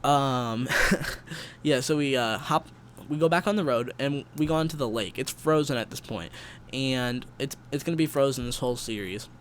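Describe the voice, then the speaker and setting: A young man telling a long rambling story in slang, with restarts and loud bursts when he quotes people. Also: mid-range voice, moderate pace, slight background noise. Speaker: storyteller vlogger. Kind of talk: casual storytelling.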